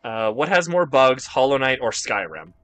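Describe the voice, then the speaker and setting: A man's voice: mid-range voice, sing-song, normal speed, a bit bright, clear, resonant tone. A man streaming a video game, chatting casually with his viewers, rambling and joking and swearing often. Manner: rambling, joking, swears a lot while reading chat. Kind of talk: casual gaming stream chat.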